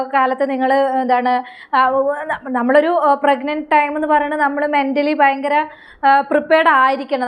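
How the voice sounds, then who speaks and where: High-voiced hesitant Malayali woman. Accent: Kerala Malayalam. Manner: hesitant, many drawn-out fillers. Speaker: reaction video commentator. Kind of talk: casual commentary.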